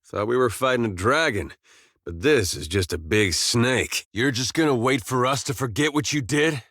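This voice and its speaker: This man voices a relaxed, loyal farm boy turned soldier in a video game, reading scripted lines in an American accent with a wry, folksy, plainspoken drawl and dry humor. His medium-pitched, fairly bright voice is animated at a moderate pace, captured in a dry recording.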